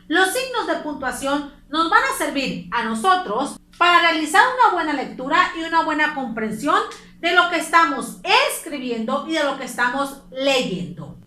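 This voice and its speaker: Bright-voiced Mexican teacher in an echoey room. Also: female voice, sits high, big pitch swings, moderate pace. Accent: Mexican Spanish. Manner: patient, explains step by step and checks in with the class. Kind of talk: recorded class lesson for children.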